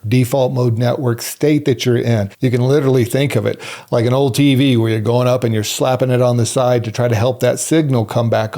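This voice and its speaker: A man giving earnest self-help advice, coaching the listener and shifting between quick runs and slow emphatic phrases. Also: medium pitch, mellow. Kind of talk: explanatory talk to camera.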